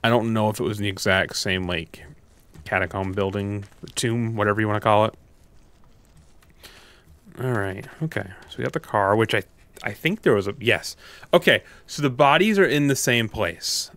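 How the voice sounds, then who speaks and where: A man's voice: on the low side, normal speed, fairly bright tone. A man gamer giving casual commentary on a horror game, thinking aloud in loose, sweary language.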